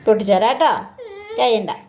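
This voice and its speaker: A mother in casual talk with her small child, soothing, coaxing and asking gentle questions. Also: a little high, fast.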